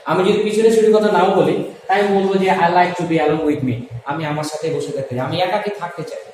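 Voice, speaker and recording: A man's voice: high voice, steady tone, darkish tone, far from the mic. Bangladeshi guy teaching class, drags his words out, repeats stuff, big echoey room w faint background noise. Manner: explains slowly, repeating phrases and asking questions. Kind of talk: classroom lesson mixing Bengali and English.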